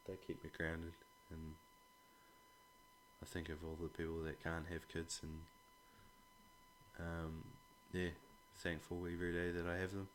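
Aussie bloke, deep voice, super casual podcast chat, bit sweary, faint hum in the background. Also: male voice, little pitch movement, unhurried, long pauses, low-quality recording. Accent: Australian. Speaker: podcast guest, a father talking about his children. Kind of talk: casual conversation.

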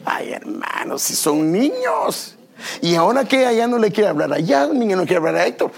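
A man's voice: high voice, huge pitch swings, moderate pace, gravelly. A man, a pastor preaching a sermon to his church, telling self-deprecating stories and asking the congregation questions. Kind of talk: sermon with personal anecdotes. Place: church service.

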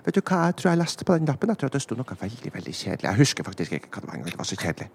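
A man voicing a bumbling, excitable male animal in a children's audio play, fussy and theatrical. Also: medium pitch, gravelly, a little hiss or hum. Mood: fibbing. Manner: fussy, theatrical, swings to squeals.

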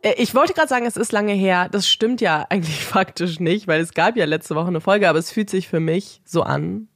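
A woman's voice: on the low side, fairly quick, no echo, studio quality, soft background music. A woman hosting a podcast in casual chat, her nose blocked from a cold. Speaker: podcast host.

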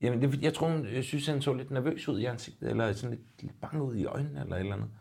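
A man's voice: medium pitch, gravelly, dark tone, husky. A young man chatting casually, informal and often quoting what others said. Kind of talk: casual chat.

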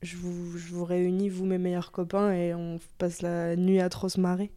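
A young woman speaks in a slightly low voice. She chats informally as a podcast guest, the way one does among friends. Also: completely flat delivery, moderate pace, mellow. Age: 20s. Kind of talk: casual chat between friends.

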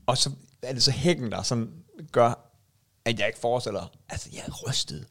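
A man co-hosting a casual podcast, telling halting anecdotes with many fillers and swearing. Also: medium pitch. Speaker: podcast co-host. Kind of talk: casual chat.

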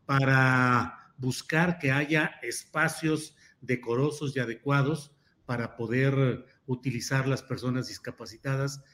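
A man with a bright, forceful voice hosts an interview casually. He speaks haltingly in short prompts and acknowledgements, with faint noise behind him. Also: medium pitch, steady tone. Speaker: programme host.

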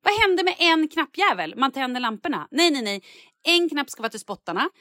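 A woman chatting as a podcast co-host, telling a story with big swings in pitch and plenty of swearing. Her voice sits dry and close on the mic. She acts out each moment as she goes. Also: no echo. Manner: animated storyteller acting out scenes, swears freely. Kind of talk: casual chat.

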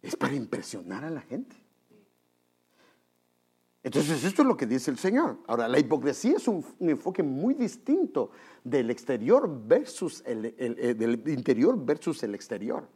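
A man preaching in with a slightly husky voice. His pitch swings widely as he talks straight to the congregation, calling them brothers. He acts out little scenes as he goes. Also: moderate pace. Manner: animated, acts out quotes in high voices; conversational, addresses listeners as brother. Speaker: pastor. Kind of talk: preaching a sermon.

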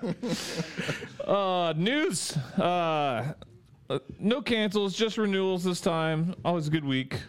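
A man hosting a casual geek-culture podcast, his voice sitting a touch high and swinging widely in pitch. He talks at an unhurried pace and laughs often, keeping things playful. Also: lively intonation, clear, resonant tone. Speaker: podcast host. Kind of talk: casual group chat.

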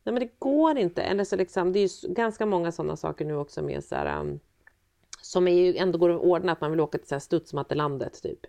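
A woman's voice: on the low side, gravelly, dark tone. A woman co-hosting a casual chat over a video call, rambling with many fillers and restarts, from a small room full of guitars. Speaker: podcast co-host, mother.

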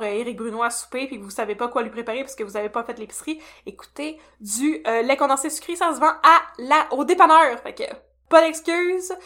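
A woman's voice: a little high, a bit bright. A woman with a Québécois French accent co-hosting a podcast in a playful, chatty way. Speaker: podcast co-host. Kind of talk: casual podcast chat.

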